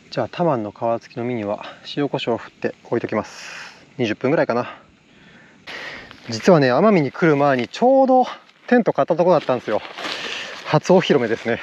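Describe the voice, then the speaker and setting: A man with a mid-range voice and a slight Kansai accent narrates a casual outdoor fishing vlog to the camera from an island shore, upbeat and excitable, laughing often. The audio is dull, with a little hiss or hum.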